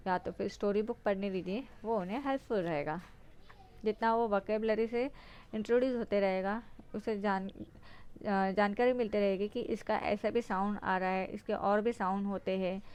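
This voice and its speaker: A woman's voice: mid-range voice, a little mellow, smooth. A woman explaining phonics to parents, spelling out words letter by letter and then sounding them out.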